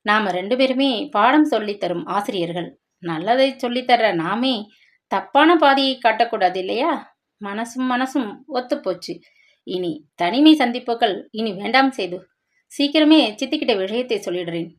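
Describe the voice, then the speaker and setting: A woman voicing a devoted young woman teacher who speaks gently and earnestly, in a dramatic story reading. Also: fairly high pitch, expressive, moderate pace, close to an everyday voice.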